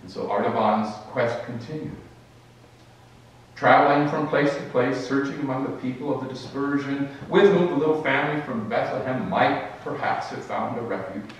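A man reads a story aloud during a church service, measured and expressive, now and then restarting a phrase. His mid-pitched voice rings through a very echoey sanctuary, caught from a distance with faint room hum beneath it. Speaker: reader in a worship service. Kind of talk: dramatic story reading.

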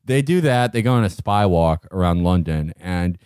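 Sardonic low-voiced man rambling a recap. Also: lively intonation, moderate pace, darkish tone, clean tone, dry recording, studio quality. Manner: rambling, sardonic, laughs mid-sentence. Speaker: podcast co-host. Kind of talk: comedic show recap.

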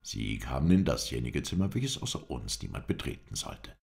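Deep gravelly guy reading an audiobook, lively up and down melody. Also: moderate pace. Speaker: audiobook reader. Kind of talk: scripted narration.

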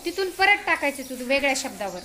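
A woman teacher running a reading game with young pupils, giving brisk directions and frequent praise. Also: sits high, big pitch swings. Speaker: primary school teacher. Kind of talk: classroom reading game instruction. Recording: noisy outdoor recording.

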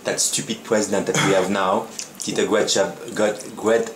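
A man's voice: on the low side, level tone, normal speed. A man who is not a native English speaker, chatting casually and hesitantly, often tagging phrases with "you know". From born in Baku, moved to Moscow and then Israel as a child. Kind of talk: casual chat. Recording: echoey room, clear noise, clinking dishes.

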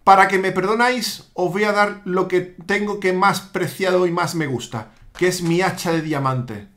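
A man hosting a Minecraft role-play, talking in excitable, pleading protests. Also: high voice, normal speed. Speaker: gaming channel host.

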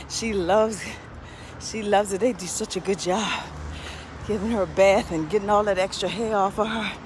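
A woman's voice: mid-range voice, unhurried, long pauses, background noise. A woman pastor talking casually while walking her dog, praying and chatting to viewers. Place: outdoors on a street, then inside a pet shop.

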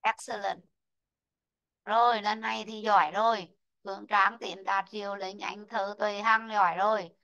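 A woman teaching an online English lesson, slowly modelling word stress and calling out students who answered right. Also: medium pitch, little pitch movement, gravelly, bright, forceful tone, lo-fi sound. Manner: slow, drawn-out model pronunciations of English words; calls out student names and marks answers right.

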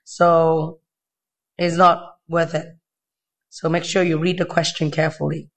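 Thin, weak, high-pitched male maths tutor. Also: level tone, measured pace. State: unwell, weakened voice. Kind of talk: informal step-by-step tutorial narration. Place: indoors at a desk.

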